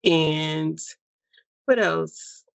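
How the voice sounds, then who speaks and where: Slow, reflective American woman. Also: sits low, creaky, smooth, no echo. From United States. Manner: reflective, unhurried, many pauses and fillers. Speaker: interview guest. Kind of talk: personal story interview.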